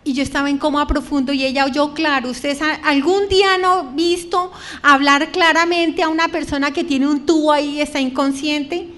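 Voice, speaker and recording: A middle-aged woman giving an emotional religious testimony to an audience, slowing down and stretching her words as her voice breaks. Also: high voice, steady tone, a bit bright.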